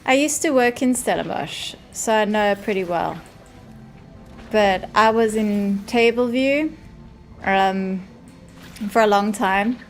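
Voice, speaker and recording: A woman's voice: mid-range voice, takes it slowly, faint music behind. A woman with a South African accent, chatting casually with viewers while playing a game and reading their messages aloud. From South Africa, Cape Town. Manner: chatty, reads chat aloud, laughs easily. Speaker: streamer. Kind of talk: casual live-stream chat while gaming.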